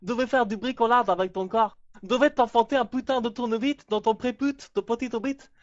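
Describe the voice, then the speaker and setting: A woman playing a sadistic, taunting female torturer in improvised role-play, halting and foul-mouthed. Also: fairly high pitch, steady tone, no room sound, muffled recording, close to an everyday voice. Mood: menacing.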